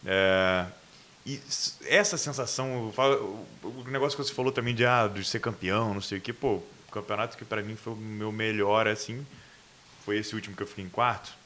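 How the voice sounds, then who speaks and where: A man with a Brazilian accent hosting a casual interview, chiming in with slang and quick backchannels. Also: lowish voice, steady tone, sharp tone, a little hiss or hum. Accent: Brazilian Portuguese. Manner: fast slangy talk, many short backchannels. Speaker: interview host.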